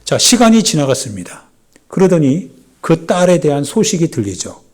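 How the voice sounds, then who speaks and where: A man's voice: fairly high pitch, sing-song, normal speed, a little mellow. A man, a pastor, preaching a sermon with dramatic emphasis, acting out the voices of doubters. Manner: dramatic preaching, voicing doubters with rising intensity.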